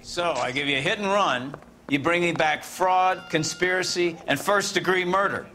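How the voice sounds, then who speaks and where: An actor playing a brash police captain in a 1940s detective game, speaking in an emphatic, commanding way. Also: male voice, high voice, moderate pace, pushed and bright. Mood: gruff approval.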